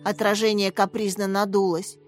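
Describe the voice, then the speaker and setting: A woman reading a children's story aloud in an expressive audiobook style, raising and brightening her voice for the characters' lines. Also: medium pitch, moderate pace, faint music behind. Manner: gives each character a slightly raised, lively voice. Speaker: audiobook narrator.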